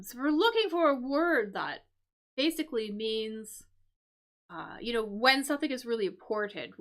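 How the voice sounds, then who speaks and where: A woman hosting a live-stream English lesson, explaining crossword clues slowly with many fillers and repeated "right?". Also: fairly high pitch, a bit bright. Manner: slow, repetitive explaining with frequent fillers and "right?".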